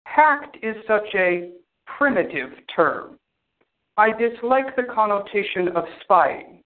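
A man's voice: high voice, expressive, takes it slowly. A man voicing a cold, formal male artificial intelligence that speaks precisely and without emotion. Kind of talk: audio drama acting. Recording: tinny phone-like sound.

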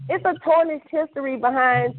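A high-voiced woman talks at a normal pace on a tinny phone line, with some hiss or hum underneath. Calling into a podcast about history, she chats casually but emphatically, swearing and repeating herself to drive her points home.

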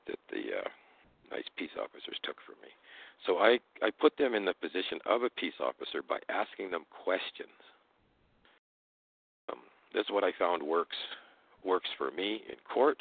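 Man, very low and gravelly, toothless slightly slurred articulation, casual explanatory delivery on a narrow phone-like connection. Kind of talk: casual explanatory talk with hesitations. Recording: narrow, tinny phone-like line.

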